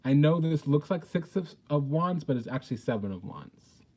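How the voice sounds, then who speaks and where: A man with a fairly high, mellow voice hosts an informal spiritual tarot reading, blunt, sassy, and profane. He speaks at a moderate pace with expressive, theatrical emphasis.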